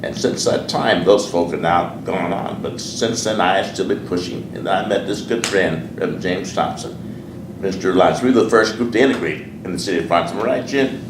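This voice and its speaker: Older Southern pastor, deep and distant. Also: male voice, fairly quick. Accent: Southern American. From Sheffield, Alabama. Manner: earnest, repeats words and phrases. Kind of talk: oral history interview. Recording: echoey room, distant mic, noisy.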